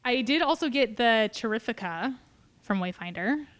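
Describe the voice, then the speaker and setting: Smooth-voiced woman podcast co-host. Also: fairly high pitch, normal speed. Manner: relaxed, laughs often, tasting and reminiscing. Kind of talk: casual chat.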